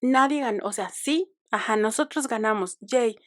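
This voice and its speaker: A woman's voice: a little high, moderate pace. A young Mexican woman hosting a podcast, telling a story in a chatty, digressive way with ironic asides. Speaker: podcast host. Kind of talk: casual monologue.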